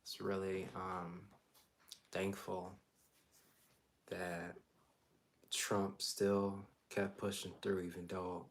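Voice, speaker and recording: A man's voice: deep voice, completely flat delivery, drawn-out words, pauses often. A young adult man with an American accent, chatting casually as co-host of a live political commentary stream. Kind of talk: casual chat.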